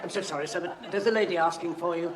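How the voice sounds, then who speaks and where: An actor playing a deferential club servant who speaks politely and apologetically. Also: male voice, sits high, fairly even intonation, fast, echoey room, heavy background noise, lightly acted. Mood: apologetic.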